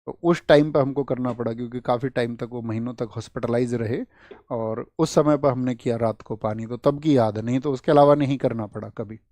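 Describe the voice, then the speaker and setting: A man from India teaching an exam-prep lecture, lively, asking his students questions and repeating the answers. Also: mid-range voice, fairly quick, no room sound. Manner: lively, asks the class questions, rhetorical repeats.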